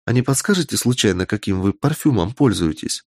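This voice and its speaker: A man voicing a young witch girl in a raised, lively voice, curious and quick to take fright. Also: lowish voice, no echo, studio quality. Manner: curious, then easily frightened.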